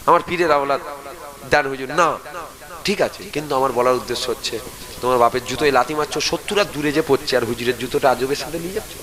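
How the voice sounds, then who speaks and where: A man's voice: a little high, low-quality recording. A man preaching a sermon. He urges the crowd to answer him aloud and leads them in chanted prayers.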